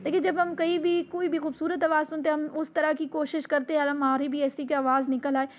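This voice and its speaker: A woman with a high voice gives a recorded lesson on pronouncing Arabic letters. She explains gently and repeats herself often, stretching each letter long as she demonstrates it. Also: little pitch movement. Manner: patient, repeats instructions, drawn-out letter demonstrations. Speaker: Quran recitation teacher.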